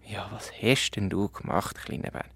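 A man with a Swiss German accent voicing a calm, patient mother bear in a children's story. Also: lowish voice, normal speed, slightly rough, dry recording.

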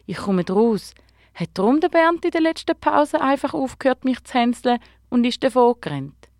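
Casting: a bright, curious young girl with a lilt, lively and higher voiced, as a woman puts her on. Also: moderate pace, no echo, clean studio sound.

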